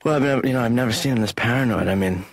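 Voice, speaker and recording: A man voicing a deadpan, gravelly adult son. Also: mid-range voice, racing, lightly acted. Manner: deadpan, sarcastic. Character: Ben, sarcastic grown son of a therapist. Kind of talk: animated sitcom dialogue.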